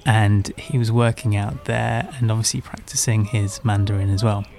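A young man raised in Hong Kong tells a funny personal story on a podcast in a fairly low, creaky voice at a moderate pace. He is candid and self-mocking, growing lively as he recalls events.

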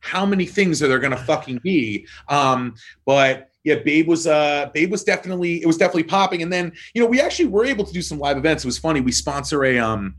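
A man's voice: fast, hardly any pauses. Profane, rambling man talking casually. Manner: profane, rambling, with frequent likes and ums; animated, jumps up in pitch for emphasis. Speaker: wine brand marketer. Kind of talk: casual interview chat.

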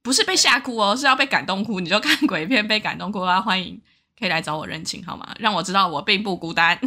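A woman's voice: mid-range voice, fast talker, pushed and bright. A young woman, co-hosting a podcast and telling stories in a chatty, laughing way. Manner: chatty storytelling, laughing often. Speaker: podcast co-host. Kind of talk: casual chat.

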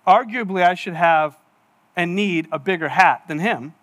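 A pastor in his forties giving a sermon, with a high and bright voice. He talks in a chatty, self-mocking way and tells stories with acted-out asides. It is a man speaking to his congregation in a church. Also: normal speed. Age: 40s. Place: church hall.

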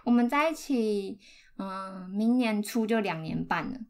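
A woman's voice: medium pitch, lively intonation, unhurried. A woman with a Taiwanese accent telling personal stories in a casual podcast chat.

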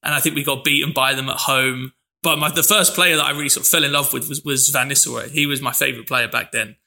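A man's voice: mid-range voice, steady tone, fast, vocal fry, sharp tone. A man, reminiscing easygoingly as a podcast co-host. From London, England. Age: 20s. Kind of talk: casual chat.

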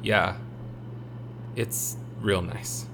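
A man's voice: steady tone, drawn-out words, full character voice. Man as a hesitant, kindly attendant. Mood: gentle. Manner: hesitant, low-key. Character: kindly, doubting male attendant of afterlife rest stop. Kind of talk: scripted audio drama acting. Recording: clearly audible humming noise.

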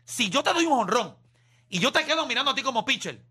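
High bright-voiced man arguing. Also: breathy edge, faint music behind. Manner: animated, argumentative, drawn-out emphatic phrasing. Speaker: sports podcast host. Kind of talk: casual sports debate.

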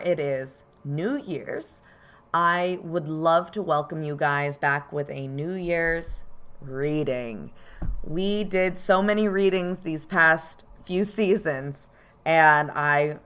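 Slow-talking, low-pitched woman podcast host. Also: fairly bright tone. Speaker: podcast host and card reader. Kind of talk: informal spoken explanation to listeners.

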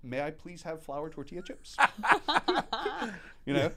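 Unhurried and fairly high in pitch, a man in his thirties shares stories about running restaurants in a casual chat. He's a guest who manages restaurants, was born in Mexico to American parents, and animatedly acts out quotes as he goes.

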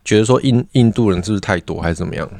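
Fast-talking Taiwanese man, low voice. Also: vocal fry, darkish tone, no room sound. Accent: Taiwanese Mandarin. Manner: rambling, full of fillers and self-affirming tags. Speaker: guest back from living abroad. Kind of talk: casual podcast chat.

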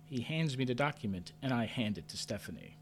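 A man narrating a story in first person with a measured, understated delivery, lifting sharply when his character asks questions. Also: mid-range voice, animated, slight background noise. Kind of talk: audio drama narration.

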